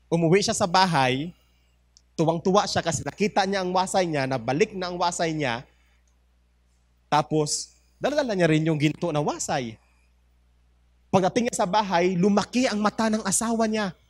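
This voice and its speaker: A man with a Filipino accent, preaching a sermon as a pastor and telling an illustrative story in an animated way. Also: high voice, normal speed, long pauses, dry recording. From Philippines. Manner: animated storytelling mixed with English.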